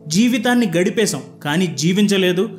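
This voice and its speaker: A man reading the lines of a calm, reflective old man of eighty-four in a spoken storybook. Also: high voice, moderate pace, soft background music.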